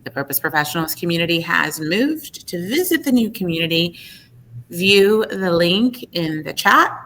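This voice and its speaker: Bright upbeat woman podcast host. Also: lowish voice, expressive, moderate pace, a little hiss or hum. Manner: upbeat, enthusiastic. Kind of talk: podcast interview hosting.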